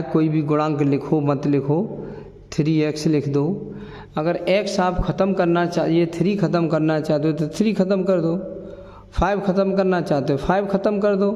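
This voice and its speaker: A man teaching maths, explaining slowly and repeating each point patiently. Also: on the high side, mellow. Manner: slow, repeats points patiently, mixes English maths words. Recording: echoey room, dull lo-fi sound.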